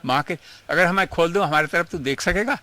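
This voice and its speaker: Older guy, swami telling old guru stories, earnest, kinda high bright voice. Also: a little fast. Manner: emotional, earnest storytelling, mixing in English phrases. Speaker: swami recalling his guru. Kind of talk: reminiscing interview.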